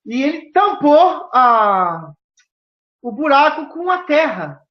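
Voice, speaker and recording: A high-pitched woman with a southern Brazilian accent tells stories animatedly, acting out the voices of the people she quotes. Her questions come out emphatic. The recording sounds roomy and dull, like a lo-fi capture in an echoey room. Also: very animated, slow pace. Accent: southern Brazilian Portuguese. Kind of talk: animated storytelling conversation.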